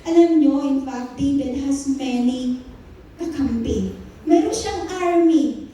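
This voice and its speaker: A woman pastor with a Filipino accent, preaching an animated sermon in a mix of Tagalog and English. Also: high voice, slow. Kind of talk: Taglish sermon. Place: church. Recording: echoey church hall, voice from a distance.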